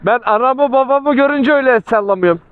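A man talking casually and slangily inside a motorcycle helmet while riding, as a motovlogger thinking out loud. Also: extremely high pitch, fast talker, smooth, dry recording. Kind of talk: casual riding chat and commentary. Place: outdoors, riding on the road. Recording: muffled phone-like helmet mic, vehicle sound.

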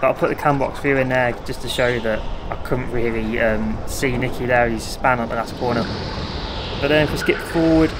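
Man over loud background noise. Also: mid-range voice, normal speed. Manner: informal, dialectal grammar. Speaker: karting video host. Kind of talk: casual race commentary voice-over. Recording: noisy, outdoor-like vehicle and ambient noise.

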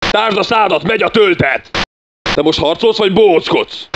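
A man voicing a brash, crude game soldier, barking orders and taunts in a fan-made game dub. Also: high voice. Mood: taunting. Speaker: game character voice lines. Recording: dull lo-fi recording with noise.

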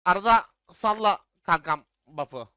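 A young man streaming a game live, yelling orders at his teammates and swearing in frustration. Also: high-pitched, lively intonation, measured pace, smooth. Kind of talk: live gameplay commentary.

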